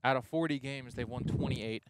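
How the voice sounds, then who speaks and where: A young man calling a college baseball game play-by-play, chatty and loose, getting excited on big plays, with the hiccups. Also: mid-range voice, normal speed, noisy background. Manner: conversational, excited on big plays, self-correcting. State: has the hiccups. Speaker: play-by-play announcer.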